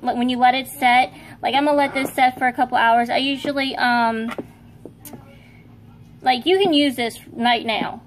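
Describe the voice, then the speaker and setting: A woman with a fairly high voice chats her way through a homemade how-to from her kitchen, rambling and correcting herself as she goes. She talks into a phone camera held over the stove. A faint hum of room noise sits behind her. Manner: chatty, rambling, self-correcting. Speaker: home video maker. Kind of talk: casual how-to demonstration. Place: home kitchen, indoors.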